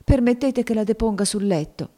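A woman's voice: on the high side, brisk, dark tone, pitched above the performer's own voice, natural voice. A woman voicing a wailing, sobbing young girl. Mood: sobbing despair. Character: grief-stricken young girl, wild and sobbing.

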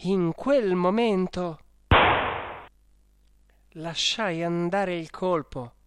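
An audiobook reader narrating a first-person diary story in a measured, even manner. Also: medium pitch, very noisy. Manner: slow, measured, even reading.

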